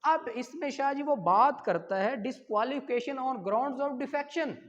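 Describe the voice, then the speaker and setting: Slow and lively in intonation, this high-voiced woman with a Pakistani accent coaches like an exam tutor, posing each question before explaining its answer. She drives the main points home by repetition, and the audio is muffled and lo-fi, echoing as if in a large hall.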